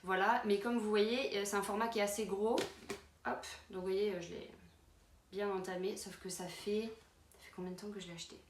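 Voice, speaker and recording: A woman's voice: mid-range voice, fairly even intonation, fairly quick. A woman vlogger chatting casually through her travel toiletries, with many fillers and restarts. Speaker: beauty vlogger. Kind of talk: casual product walkthrough. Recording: roomy with faint background noise.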